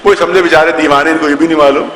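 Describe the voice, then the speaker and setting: Man preaching a majlis, bright forceful voice, lots of repeating lines, big echoey hall. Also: a little high, fairly even intonation, slight background noise. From India, Lucknow. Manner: repeats phrases for emphasis, acts out quoted voices. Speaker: Shia cleric reciting a majlis. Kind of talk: storytelling sermon. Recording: echoey hall with long reverb.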